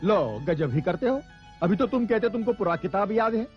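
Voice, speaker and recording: A bossy, exasperated troupe director who keeps his players in line. His voice sits high, and the sound is slightly dull with faint music. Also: expressive, moderate pace.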